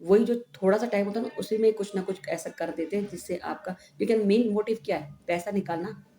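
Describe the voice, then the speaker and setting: A middle-aged Indian woman vlogger retells a story at home in a chatty, animated way, often tagging lines with "हैं?". Her mid-range voice runs a little fast, and the room is echoey with faint background noise.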